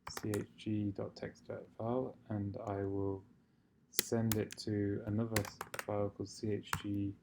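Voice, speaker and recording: A man improvising a software walkthrough, hesitant and fumbling for words as he thinks aloud, in a gravelly voice. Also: on the low side, flat delivery, unhurried. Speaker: software tutorial presenter. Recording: faint noise, keyboard typing and clicks. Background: computer keyboard typing and mouse clicks.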